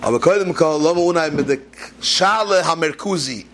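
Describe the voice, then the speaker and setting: Man, religious talk, jokey storytelling, rhetorical questions, slightly high voice, faint room noise behind. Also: quick pace, fairly bright tone. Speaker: preacher. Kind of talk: Yiddish-style Torah talk with jokes.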